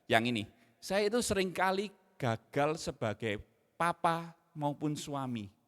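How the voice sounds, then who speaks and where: A middle-aged man preaching a sermon in an animated way, dropping in slang. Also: a little high, a little slow. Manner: animated, mixes in Javanese slang, acts out his own scolding. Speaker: pastor. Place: church hall. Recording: long hall reverb.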